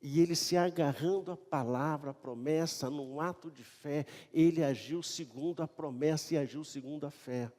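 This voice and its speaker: Here the Brazilian-accented pastor's voice runs a little high, moving at normal speed with hardly any pauses. He reads scripture loudly in the church sanctuary, then turns casual and joking as he tells the story, all under a long church reverb.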